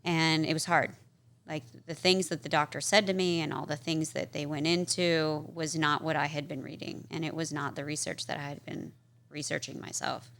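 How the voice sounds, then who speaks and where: Casting: woman guest, lowish voice with a bright, pushing edge, chatty storyteller who acts out the people she quotes. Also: steady tone, moderate pace, gravelly. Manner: chatty, peppered with "like" and "um". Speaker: podcast guest. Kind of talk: casual storytelling interview. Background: interviewer's short backchannels.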